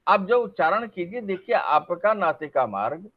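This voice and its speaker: Middle-aged male lecturer, high animated delivery, asks questions and answers them himself, dull lo-fi recording. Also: normal speed. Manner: demonstrates sounds aloud, asks and answers his own questions. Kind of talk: classroom lecture on phonetics. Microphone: facing a camera.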